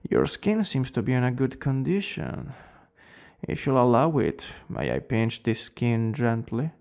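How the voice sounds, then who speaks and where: A man playing a cold, formal plague doctor in a role-play, speaking with an Italian accent in a gravelly, deliberate, clinical manner. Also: mid-range voice, big pitch swings, a little mellow. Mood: clinical, courteous. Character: cold, eerily polite male plague doctor.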